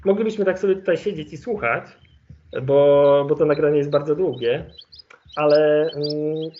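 A man giving an online lecture with slides as an ornithologist, explaining in a relaxed way and thinking aloud with fillers. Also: a little high, normal speed. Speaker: ornithologist giving a webinar presentation. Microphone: video call. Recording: lo-fi video call audio.

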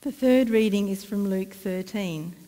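A middle-aged woman with an Australian accent, reading scripture aloud in a measured, careful way at a church lectern. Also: mid-range voice, dark tone. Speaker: scripture reader. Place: church sanctuary, indoors. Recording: long church reverb.

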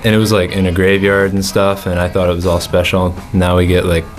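A man's voice: low-pitched, monotone, a little fast, soft background music. An eighteen-year-old man answering interview questions casually, rambling a little with fillers, in a studio. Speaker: music school student. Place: indoor studio in front of a backdrop.

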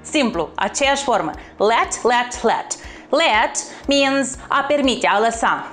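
A woman teaching an English lesson online, upbeat and encouraging, repeating words slowly and clearly. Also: on the high side, lively intonation, fairly bright tone, soft background music. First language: Romanian.

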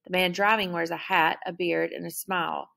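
A woman reading a novel aloud as first-person narrator, in a steady, measured delivery. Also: lowish voice, vocal fry. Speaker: audiobook narrator.

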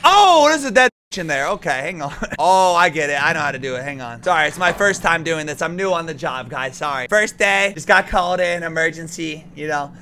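A young man live streaming a horror game, giving excitable, scared, jumpy commentary and griping as he plays. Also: a little high, fairly quick, few pauses, slight background noise. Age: young adult.

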